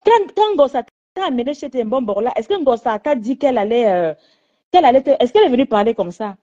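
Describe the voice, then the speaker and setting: A woman's voice: on the high side, lively intonation, quick pace, warm tone. A woman calling into a live stream, insistently soothing and scolding. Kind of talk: pleading phone call into a live stream. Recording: dull lo-fi phone audio.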